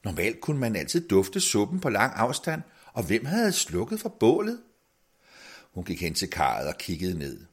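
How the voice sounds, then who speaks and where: A man with a low, husky voice reads a fairy tale aloud. His delivery is expressive, and his pitch rises and falls widely. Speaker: storyteller.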